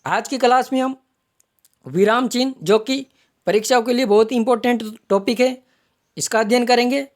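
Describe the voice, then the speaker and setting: A woman's voice: fairly high pitch, moderate pace. A woman teaching an online exam-prep grammar lesson, explaining step by step and repeating each term as she points it out. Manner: explanatory, repeats terms while pointing them out.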